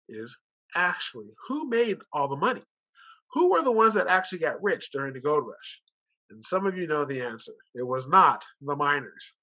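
Through a dull, muffled video call, a company director with a fairly high, bright and forceful voice gives an online conference sales pitch. He keeps it informal and persuasive, talking conversationally and tossing out rhetorical questions.

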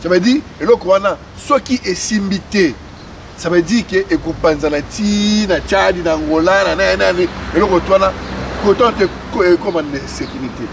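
High-voiced man ranting on a street. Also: normal speed, creaky. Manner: impassioned, repetitive, switches between Lingala and French. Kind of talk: outdoor political talk. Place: outdoors on a city street. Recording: distant mic outdoors with faint noise.

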